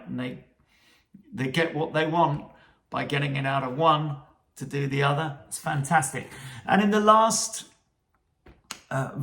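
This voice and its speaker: British male host, keen music commentator, average pitch, echoey room. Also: a bit bright. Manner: enthusiastic, recites lyrics aloud. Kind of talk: lyric commentary and reading. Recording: roomy echo.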